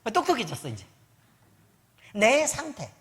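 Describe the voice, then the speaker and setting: A woman's voice: a little high, huge pitch swings, a little slow. A woman pastor preaching at a church service in a teasing, conversational way, constantly quizzing the congregation with questions. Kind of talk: sermon.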